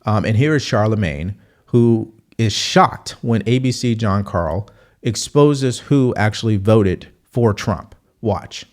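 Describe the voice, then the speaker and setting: Low-voiced man giving combative political commentary. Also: expressive, slow pace. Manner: emphatic, combative, scornful. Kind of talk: casual opinion commentary over news clips.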